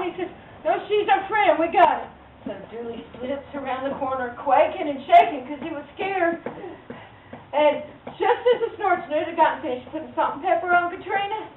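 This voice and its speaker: A woman from Louisiana, USA tells a children's story live before an audience of kids, theatrical, folksy and emphatic. Her voice is high and animated at a moderate pace. A distant mic makes the recording tinny, echoey and noisy.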